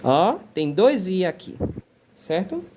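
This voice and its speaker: A woman with a lowish, very lively voice gives an unhurried language lesson, sounding out each word slowly and often pausing to check her students are following. A faint hum sits behind her. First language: Portuguese. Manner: patient, repeats words slowly, checks in with "tá?". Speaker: Arabic teacher. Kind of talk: relaxed online language lesson.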